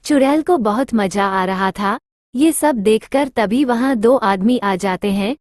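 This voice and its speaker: A woman narrates a cartoon story in a plain, even way. Her voice sits a little high. The sound is dry and close. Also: measured pace, no echo.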